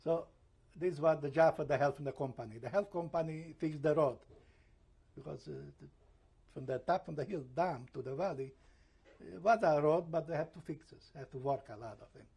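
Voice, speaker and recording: A Holocaust survivor in his 70s gives oral history testimony in slow, halting, broken English. His gravelly, very husky voice is dark in tone yet pitched a bit above his peers, and he pauses to search for words, slipping into German and Hebrew when English fails him.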